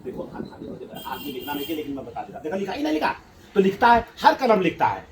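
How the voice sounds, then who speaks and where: High-voiced man quizzing a child playfully. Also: huge pitch swings, fast. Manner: playful, coaxing, laughs often. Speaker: rationalist activist quizzing a child. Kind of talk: casual questioning chat. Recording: roomy sound from a distant mic.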